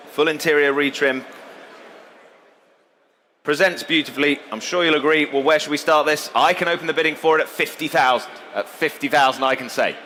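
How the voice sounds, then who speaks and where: A man with a bright, forceful voice at medium pitch presents lots and calls bids as an auctioneer, in polished sales patter. His voice rings through a long hall reverb with faint noise behind it. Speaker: classic car auctioneer. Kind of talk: live auction lot introduction and bid calling. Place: large indoor show hall, live saleroom.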